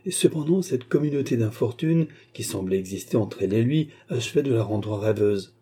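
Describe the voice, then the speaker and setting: A man reading a classic novel aloud as an audiobook narrator, with steady, even-paced delivery. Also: mid-range voice, brisk, breathy edge.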